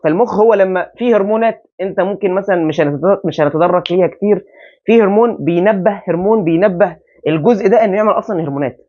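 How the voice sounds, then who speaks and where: A man with an Egyptian Arabic accent teaching a biology lesson at a whiteboard, quizzing students with quick rhetorical questions. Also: high-pitched. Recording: dull lo-fi sound.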